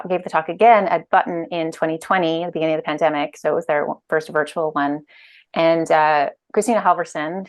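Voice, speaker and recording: A woman in her thirties, a guest on a video-call interview, talking casually with many fillers and restarts. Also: low voice. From Ireland and Canada. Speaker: guest, UX director and author. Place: bright room at home. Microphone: earphone mic on video call.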